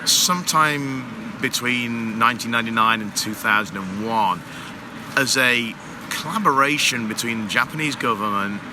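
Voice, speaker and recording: A man with a mid-range voice, speaking at a moderate pace, manages a water heater company and explains things at length in a casual interview full of fillers. It takes place on a busy trade show floor, with noisy expo sounds in the background.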